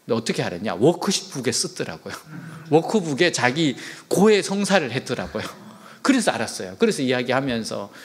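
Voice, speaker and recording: A man's voice: medium pitch, sing-song, a little fast, breathy edge. A middle-aged man, a professor, preaching a sermon and telling a story, often dropping into whispered asides.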